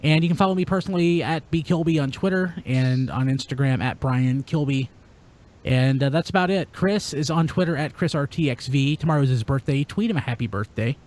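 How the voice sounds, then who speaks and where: A male podcast host chats casually and informally with listeners and co-hosts, including sign-off plugs. His voice is on the high side and darkish in tone, with a brisk delivery.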